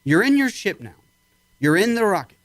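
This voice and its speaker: A man's voice: high voice, sing-song, normal speed, fairly bright tone, dry recording. A man acting in an old-time radio drama as a probing, authoritative army psychiatrist with a clipped, commanding manner. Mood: commanding, intent.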